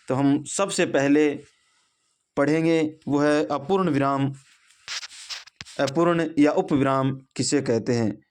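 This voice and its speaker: A man gives a classroom-style grammar lesson at an unhurried pace. His voice sits at an ordinary middle pitch, and he talks his students through each point with example sentences. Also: darkish tone. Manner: slow, deliberate explaining with example sentences. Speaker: Hindi grammar teacher.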